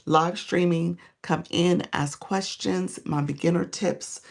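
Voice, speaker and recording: On a phone live stream, a tired, hoarse woman gives coaching, breaking off between points to greet viewers by name in casual chat. Her voice sits fairly low, her tone stays steady, and she takes her time.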